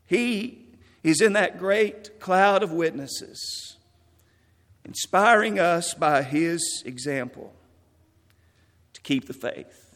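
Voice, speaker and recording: A man preaching a memorial sermon in a church, earnest and measured, quoting scripture. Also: sits high, a bit bright, big-room sound. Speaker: pastor.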